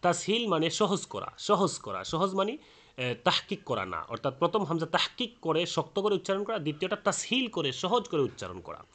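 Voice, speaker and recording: A man teaching Quran recitation rules in a spoken lesson. He explains slowly, with frequent hesitant fillers, and chants the example words aloud. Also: on the high side, sing-song, fairly bright tone.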